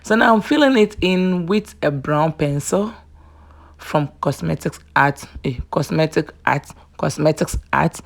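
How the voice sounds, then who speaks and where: A woman's voice: sits low, unhurried. A woman beauty vlogger chatting casually through a makeup tutorial, affectionate and talkative, often saying "yes" between thoughts.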